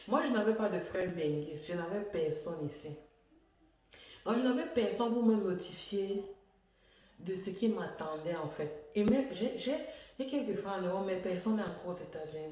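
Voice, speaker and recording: A woman's voice: mid-range voice, mellow. A woman from French-speaking Africa, talking in a chatty vlog style, often repeating words and laughing. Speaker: vlogger. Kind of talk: casual personal vlog talk. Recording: echoey room, far from the mic.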